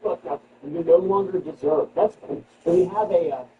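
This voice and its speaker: A man hosting a comedy show, riffing sarcastically on news items and jumping into high mock-outraged squeals. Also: moderate pace, narrow, tinny audio. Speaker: comedy podcast host. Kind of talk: comedic news riff with retakes. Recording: distant mic with background noise.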